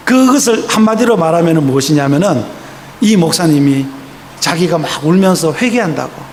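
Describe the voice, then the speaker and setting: A high-pitched man preaches with fervor in a church sanctuary, his voice carried by a long, echoing reverb. Faint room ambience hums underneath as he tells stories, easing into softer, slower tones for quoted lines. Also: lively intonation, slight background noise. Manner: impassioned storytelling, slows and softens for quoted voices. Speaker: pastor. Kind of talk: sermon.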